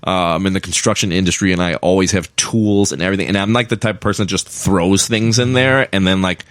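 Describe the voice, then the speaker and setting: Low, dry-voiced male podcast co-host. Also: fairly even intonation, fast, no echo. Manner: rambling, frequent restarts and fillers. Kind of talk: casual podcast chat.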